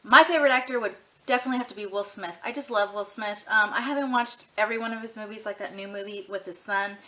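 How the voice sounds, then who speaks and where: With a quick pace and a fairly bright, mid-range voice, a thirtysomething woman rambles frankly to camera for a tag video. She's relaxed and open as a vlogger, and her talk is sprinkled with ums and you-knows.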